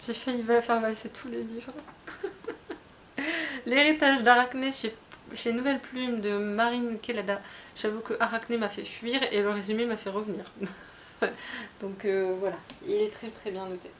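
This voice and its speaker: A woman's voice: fairly high pitch, fairly even intonation, moderate pace, a bit bright, a little hiss or hum. A woman chatting casually about her book haul, talking in a hesitant way with many fillers and restarts. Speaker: book vlogger.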